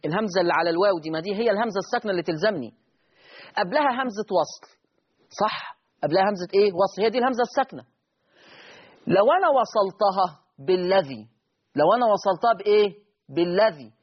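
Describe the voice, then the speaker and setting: A man with an Egyptian Arabic accent teaching Quran recitation rules. He asks his students questions, answers them himself, and slowly draws out the words he recites as examples. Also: high voice, breathy edge, lo-fi sound.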